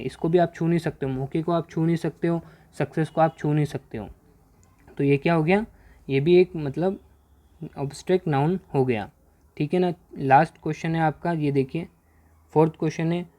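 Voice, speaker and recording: A man teaching a grammar worksheet lesson in Hindi. He keeps asking questions and answering them himself, and he reads the English example sentences out slowly. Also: on the high side, warm tone.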